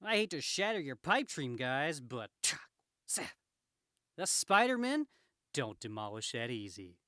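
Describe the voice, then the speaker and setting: A man's voice: medium pitch, sing-song, a little slow, pushed and bright, no room sound, studio quality. A man voicing a wisecracking comic-book superhero, cocky and aggrieved, in a theatrical, quippy manner. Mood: cocky, taunting. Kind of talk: comic book read aloud in character.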